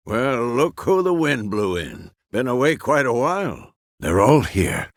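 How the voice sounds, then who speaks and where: A man plays a gruff, fatherly old monster hunter in a fantasy video game, his gravelly voice terse, measured and authoritative. The pitch is medium but swings hugely, and the recording is clean studio sound with no echo.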